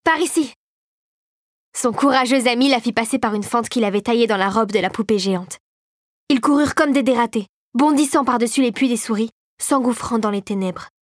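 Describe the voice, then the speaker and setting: A woman narrating an audiobook for children, steady and clear. Her voice sits a little high, and the recording is dry and close. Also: a little fast, no room sound.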